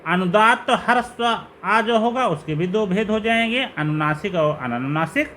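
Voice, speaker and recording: A male teacher gives a slow, step-by-step lecture on grammar, going through terms one after another. His voice sits high and moves a lot, rising on each question. A faint hiss runs behind him. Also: lively intonation, sharp tone. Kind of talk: classroom lecture explaining grammar.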